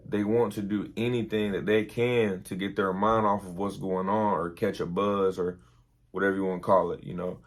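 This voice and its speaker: Brief: young army veteran vlogger, low-pitched, tired and rambling. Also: male voice, level tone, normal speed. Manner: laid-back, rambling with many fillers. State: tired, early morning. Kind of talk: casual storytelling.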